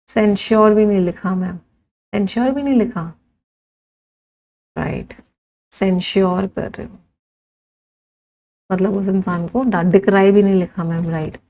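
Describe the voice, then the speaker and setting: Woman, vocabulary teacher, exam-prep lesson, slow drawn-out word lists, counts aloud, medium pitch. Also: dark tone, rough recording. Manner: lists words slowly, drawing out each one for writing; repeats and counts aloud, replies to students.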